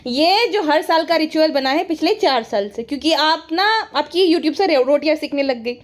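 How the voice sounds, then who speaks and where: High-voiced sarcastic woman commentator. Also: animated, normal speed. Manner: sarcastic, mocking. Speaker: commentary YouTuber. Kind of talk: casual critical commentary.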